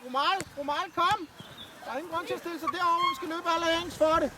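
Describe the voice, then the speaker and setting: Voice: very high voice, fairly even intonation. A youth football coach on the sideline during a match, calling out players' names to urge them on and praise them. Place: outdoor football pitch. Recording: outdoor field with clear noise.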